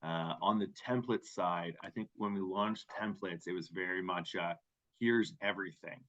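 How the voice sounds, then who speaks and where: A man hosting a webinar and demoing software, casual and conversational. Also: low-pitched, normal speed. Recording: dull lo-fi audio.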